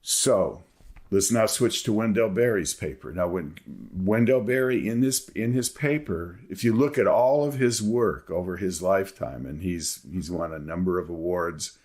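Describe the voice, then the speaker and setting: Male lecturer with a deep voice, methodical and orderly, walking through points one part at a time. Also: a little mellow. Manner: methodical, lays out points in numbered parts. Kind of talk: academic lecture.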